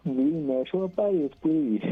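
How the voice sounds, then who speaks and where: On a crackly, tinny phone line that keeps dropping and carries faint music, a Brazilian man calls in to a radio show with a fairly high, slightly rough voice. He keeps the chat casual and cheerful, laughing often. Along the way he reels off long lists of names in on-air shout-outs.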